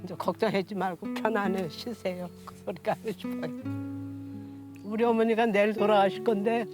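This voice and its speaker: Over background music, a woman in her sixties tells personal stories while being interviewed. Her voice is medium in pitch, steady in tone, and paced at a normal speed. She speaks in a homely, unpolished, plain way.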